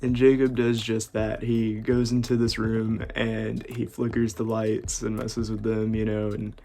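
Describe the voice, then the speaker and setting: A man's voice: on the low side, monotone, unhurried, gravelly, warm tone. A young man telling a casual storytime in a laid-back way, often laughing between lines. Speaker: vlogger.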